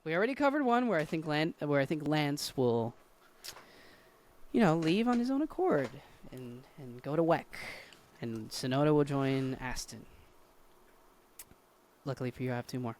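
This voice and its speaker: A man's voice: a little high, animated, normal speed, long pauses. A man co-hosting a podcast in casual chat, teasing and skeptical, swearing casually. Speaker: podcast co-host.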